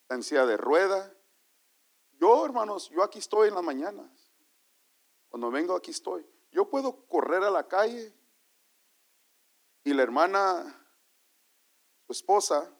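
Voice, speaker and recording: A man preaching a sermon as pastor, telling stories to his congregation and calling them brother, moving from quiet asides to loud exclamations. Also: high-pitched, expressive, unhurried, pauses often. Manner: storytelling, calls the congregation brother.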